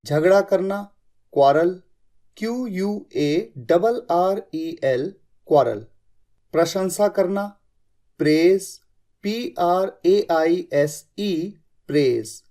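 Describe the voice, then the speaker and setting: Vocabulary teacher, unhurried and mellow, spells out every word, then closes it with a low, firm repeat. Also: lively intonation. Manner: says each word, spells it letter by letter, repeats it; drops to a lower, firmer pitch on the final repeat. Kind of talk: scripted vocabulary lesson.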